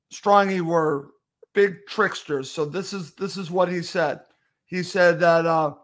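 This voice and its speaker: A man hosts a friendly interview and reads out questions sent in for his guest. His voice sits notably high for a man. He keeps his delivery plain and courteous. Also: fairly bright tone. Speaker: podcast host, interviewer.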